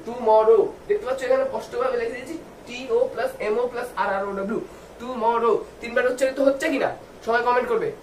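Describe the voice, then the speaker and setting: In a student video lesson, an English tutor, a man with a high voice, spells words out slowly, one letter at a time, asking viewers questions and then answering them. The mic is some distance away, and the roomy space carries faint noise behind him.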